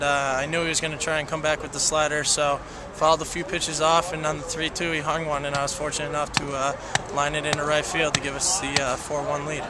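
Young man, flat measured postgame delivery. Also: a little high, noisy background. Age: 20s. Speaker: baseball player interviewed after a game. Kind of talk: postgame interview. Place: outdoors on a baseball stadium field.

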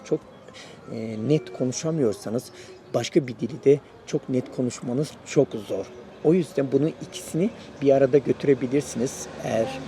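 A man's voice: mid-range voice, gravelly, noisy background. A man hosting a casual spoken lesson, encouraging his viewers and repeating his advice as he shares his own experience learning a language. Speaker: YouTube host sharing his Russian learning.

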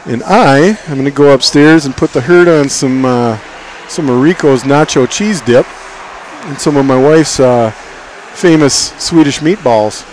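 A man's voice: mid-range voice, a little slow. A middle-aged man giving folksy, partisan play-by-play commentary at a hockey game in an ice arena. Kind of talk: local sports commentary. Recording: loud crowd, noisy arena. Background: crowd and arena noise.

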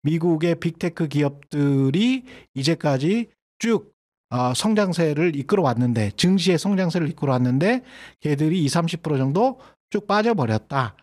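A middle-aged man delivers solo market commentary in a somewhat high-pitched voice. He talks in a loose, conversational way, padding with fillers and restarting phrases as he explains the numbers. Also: expressive, normal speed, darkish tone. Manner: conversational with many fillers and self-corrections. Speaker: host of an economics commentary channel.

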